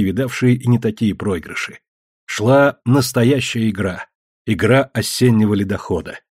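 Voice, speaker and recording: A man narrating an audiobook in a dramatic, expressive reading style. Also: medium pitch, husky, dry recording, clean studio sound.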